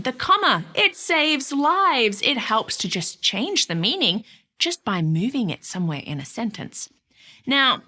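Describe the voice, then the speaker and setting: A middle-aged woman explaining writing skills in a casual, expressive teaching talk with playful asides. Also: a little high. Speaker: educator.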